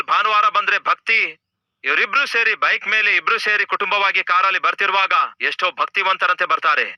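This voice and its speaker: A man with a Kannada accent preaching a sermon emphatically, firing rhetorical questions and dropping suddenly to a low voice. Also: bright, forceful tone, no echo, muffled recording. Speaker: pastor.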